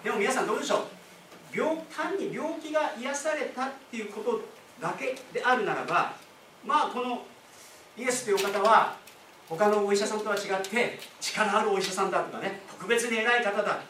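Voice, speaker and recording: A high-voiced pastor delivers a sermon at a brisk pace, addressing the congregation in a relaxed, explanatory style full of asides and questions. He's recorded from a distance in an echoey church hall, with faint room ambience and a little hiss or hum.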